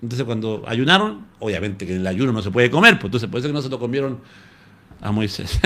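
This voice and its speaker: A pastor from Chile with a Chilean Spanish accent, preaching a live-streamed sermon in an animated storytelling manner. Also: male voice, medium pitch, fast talker. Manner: animated storytelling, addresses listeners as "hermano".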